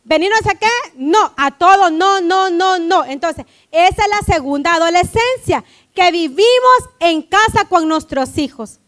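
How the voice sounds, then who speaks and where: A woman preaching a lively church sermon, often checking in with her listeners and acting out family scenes. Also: very high voice, measured pace. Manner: animated, keeps asking "right?", acts out family quotes.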